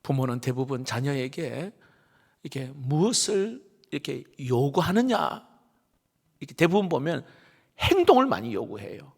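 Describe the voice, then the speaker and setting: A middle-aged male pastor, preaching a sermon emphatically and swinging between loud stresses and hushed, half-whispered asides. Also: medium pitch, sing-song, moderate pace, gravelly, breathy edge. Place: church sanctuary. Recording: reverberant church sanctuary.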